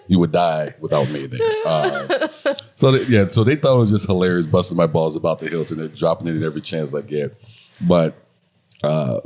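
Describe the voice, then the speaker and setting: A man's voice: rumbling low, moderate pace, a little mellow. A man co-hosting a casual podcast chat with his wife, joking and teasing, laughing often as he tells stories. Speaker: podcast co-host.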